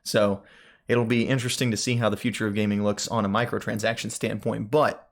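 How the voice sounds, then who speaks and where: A man's voice: lowish voice, brisk. Rambling young man on a gaming podcast. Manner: relaxed, rambling with many fillers. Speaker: podcast co-host. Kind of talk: casual gaming news chat.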